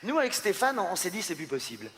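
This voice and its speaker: A man from France hosts a live comedy show, his voice sitting fairly high. He jokes in a playful, self-mocking way, full of little hesitations, and the sound rings through a large theatre with a faint hum behind. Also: sing-song, fast, a bit bright, in a large hall. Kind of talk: stand-up comedy on stage. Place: large theatre stage with audience.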